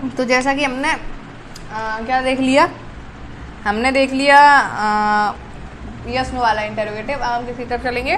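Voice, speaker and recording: A woman's voice: on the high side, steady tone, measured pace, long pauses, fairly bright tone, a little hiss or hum, rough recording. A woman teaching an English grammar lesson. She asks questions and answers them herself, and corrects her own slips as she goes. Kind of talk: classroom-style grammar lesson.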